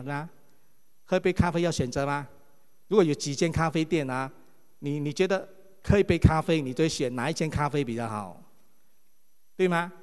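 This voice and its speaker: Lively pastor in a reverberant hall. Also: male voice, on the high side, clean tone. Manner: lively, asks the congregation many rhetorical questions. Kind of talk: sermon.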